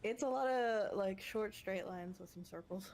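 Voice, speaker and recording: A woman's voice: medium pitch, moderate pace, a little mellow, slight background noise. A woman co-commentating on a game stream in casual, giggly chat. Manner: giggly, laughs often.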